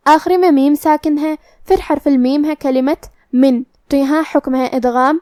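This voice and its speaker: Female Quran tutor, Pakistani Urdu accent, high clear voice, dry close sound, patient, methodical rule-by-rule explanation. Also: a little mellow, no room sound. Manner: explains each rule methodically, then recites the word slowly. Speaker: Quran recitation teacher. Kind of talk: step-by-step tajweed lesson.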